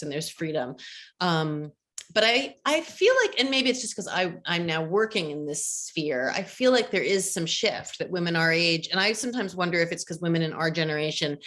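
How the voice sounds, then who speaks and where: A woman in her fifties hosting a conversational interview, animated and agreeable. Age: 50s. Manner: animated, quick to agree, rises high when excited. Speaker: interviewer and community founder.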